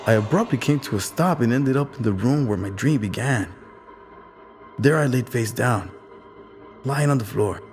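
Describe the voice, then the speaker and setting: Guy doing a worried little boy, higher pitched, pleading and shaky. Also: expressive, normal speed, long pauses, darkish tone, soft background music, close to an everyday voice. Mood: earnest, shaken. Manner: pleading, shaken. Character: anxious troubled young boy.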